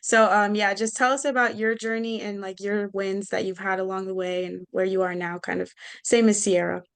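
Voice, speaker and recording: A woman's voice: mid-range voice, flat delivery, normal speed, gravelly, smooth. A woman informally moderating a group of speakers on a video call. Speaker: moderator of online panel. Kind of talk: informal hosting.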